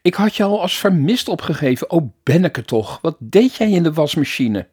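A fretful middle-aged mother who wails and fusses in a storybook tale, as a male reader puts her on. Her voice climbs high and swings widely, with a husky grain underneath. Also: expressive, normal speed, mellow. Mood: fussing. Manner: wailing, fussing, exclamatory.

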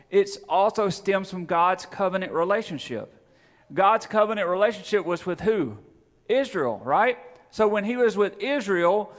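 A man preaching a sermon to his congregation, asking questions and repeating phrases for emphasis. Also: high voice. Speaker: pastor. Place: church hall. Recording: long hall reverb.

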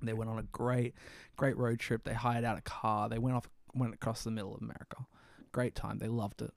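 A young man chats in a laid-back, teasing way, full of fillers. His mid-pitched voice has a gravelly edge. The recording is dry and close. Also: level tone, fairly quick, dry recording. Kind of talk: casual chat.

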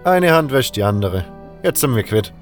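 A man's voice: medium pitch, big pitch swings, moderate pace, soft background music, lightly acted. A man voicing a blunt male outlaw who gives curt, grim warnings.

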